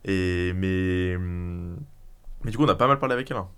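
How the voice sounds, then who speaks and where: A man's voice: low-pitched, moderate pace, fairly bright tone, clean tone, soft background music. A man with a French accent, co-hosting a casual podcast chat, matter-of-fact with short agreeing replies. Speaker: podcast co-host. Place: podcast studio.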